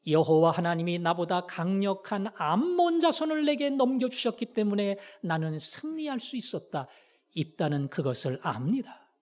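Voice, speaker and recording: Male pastor, fairly high voice, preaching with fervor and plenty of theatrical rises and drops. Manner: impassioned, acts out quoted voices with sharp swings in pitch and loudness. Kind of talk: sermon.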